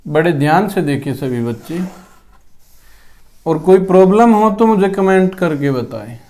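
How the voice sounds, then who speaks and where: A man's voice: fairly high pitch, lively intonation, unhurried, dark tone. A male English teacher with a sore throat, giving a spoken lesson to students and repeating each word several times. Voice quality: clears throat often.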